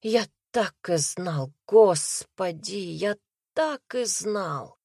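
Woman doing a scared young man, pleading, broken, slow, dry close recording. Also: mid-range voice, animated, vocal fry, a little mellow, breathy edge, dry recording, heavily acted. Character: frightened, sobbing young man under suspicion. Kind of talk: audiobook character voice.

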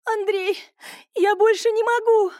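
A woman voicing a young pregnant wife who is emotional, excitable and close to tears. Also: very high-pitched, measured pace, dry recording, voice pushed up. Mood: in pain. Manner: tearful, excitable.

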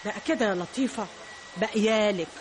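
An actress playing a brash, threatening Egyptian butcher-shop owner in a radio drama, talking in a coarse, bullying way. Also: female voice, medium pitch, fairly quick, natural voice. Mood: menacing. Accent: Egyptian Arabic. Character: brash menacing woman butcher, rich and threatening. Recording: noisy old radio broadcast.

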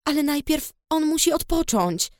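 A woman's voice: high-pitched, expressive, moderate pace, dry recording, clean studio sound, voice pushed up. A woman reading the lines of a frightened, stubborn teenage girl who rides a dragon, urgent and pleading.

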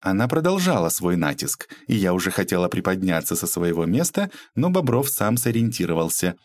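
A man narrating an audiobook with an expressive reading. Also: sits low, brisk, dry recording.

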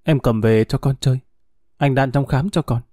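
A man playing a condemned husband who speaks calmly and with resignation. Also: medium pitch, normal speed, dry recording, clean studio sound, lightly acted. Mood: tender. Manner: calm, resigned.

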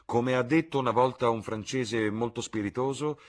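A man voicing a witty, cynical aristocratic gentleman in an audiobook reading, with a husky voice and a drawling, ironic delivery. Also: mid-range voice, moderate pace, pitched above the performer's own voice, lightly acted. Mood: languid.

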